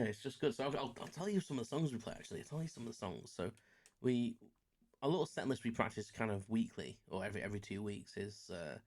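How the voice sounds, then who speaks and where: A slightly mellow, fairly low male voice belongs to an Englishman around forty. He rambles casually through his solo podcast, self-deprecating and heavy on fillers.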